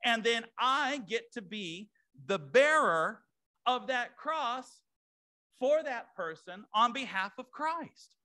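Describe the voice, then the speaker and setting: Bright high-voiced male pastor preaching. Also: lively intonation, takes it slowly. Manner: conversational preaching with asides to the congregation. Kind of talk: sermon. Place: church sanctuary.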